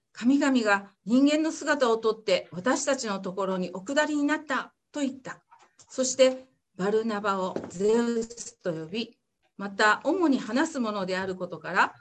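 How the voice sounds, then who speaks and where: A woman reading a Bible passage aloud in church, steady and careful, then praying. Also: on the high side. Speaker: scripture reader.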